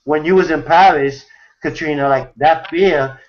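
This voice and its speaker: A man's voice: on the high side, unhurried, muffled recording. A man from New York hosting an online hangout, telling a story in a rambling casual way full of fillers and restarts. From New York City, USA. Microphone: video call.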